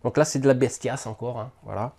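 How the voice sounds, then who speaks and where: A man's voice: mid-range voice, fairly even intonation, brisk, vocal fry, darkish tone. A man hosting a miniatures hobby channel, casually unboxing and thinking aloud to the camera with lots of hesitant fillers.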